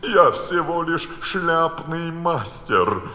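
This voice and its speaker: A bass reciter voicing an anxious, pleading hatter in a live storybook reading. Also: male voice, lively intonation, very slow, pushed and bright, heavily acted. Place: palace concert hall. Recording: live concert hall reverb.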